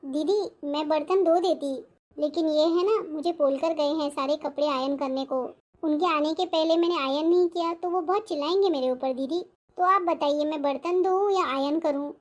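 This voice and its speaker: An actress playing a lazy, sly young sister-in-law who sweet-talks and makes excuses, in a family drama. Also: female voice, sits high, normal speed, muffled recording, lightly acted. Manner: sweet-talking, making excuses. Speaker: actor.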